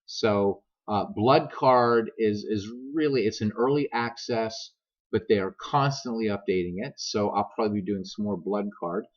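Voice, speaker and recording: A man with an American accent chatting casually and digressively to viewers, joking and self-deprecating, as a gaming video host. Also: fairly low pitch. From grew up many years in America; also Irish. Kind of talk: casual rambling chat to viewers. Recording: dull lo-fi laptop microphone.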